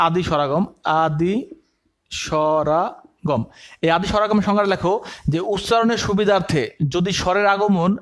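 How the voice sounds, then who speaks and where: A man teaching an admission coaching lecture, dictating notes and asking the class questions he answers himself. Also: sits high. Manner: asks the class questions and answers them himself, repeats key terms; uses everyday comparisons to explain.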